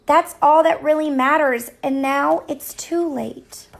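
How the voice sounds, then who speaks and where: A woman voicing a vain, excitable young female hamster who gets theatrical and wails when upset, in a read-aloud storybook. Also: high-pitched, takes it slowly, vocal fry, pitched above the performer's own voice, full character voice. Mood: wailing.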